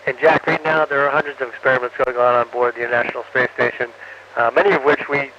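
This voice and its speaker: A man speaks from orbit over a radio downlink that breaks up, with a dull, narrow sound and faint hiss behind him. His voice is bright and forward. He answers haltingly, with frequent "uh"s, and closes each turn with "over.". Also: mid-range voice, level tone. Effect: radio downlink from space, muffled and breaking up. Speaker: astronaut answering students. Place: on board the space station. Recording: muffled radio link with faint static.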